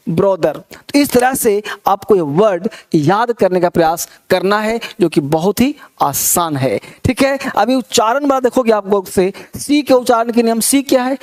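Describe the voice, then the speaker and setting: Man slowly drilling English words. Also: sits high, a little mellow. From India. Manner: slow, drawn-out word-by-word drilling. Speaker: English teacher. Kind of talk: spoken pronunciation lesson.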